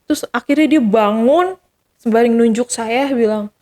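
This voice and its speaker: A woman's voice: a little high, normal speed. A woman guest telling a personal story in casual speech, acting out the quoted dialogue with energy. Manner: animated, acts out the quoted dialogue.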